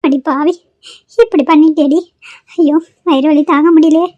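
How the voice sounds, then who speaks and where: Woman voicing a cartoon stepmother, harsh, scheming, wailing, cursing, high voice, dry lo-fi sound. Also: fairly even intonation, normal speed, dark tone, no room sound, lightly acted. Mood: wailing accusing. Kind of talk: Tamil cartoon voice acting. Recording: dull lo-fi dry recording.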